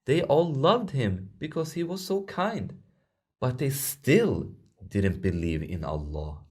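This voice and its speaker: A man with a husky, medium-pitched voice reads a children's storybook aloud. His storytelling is expressive and deliberate.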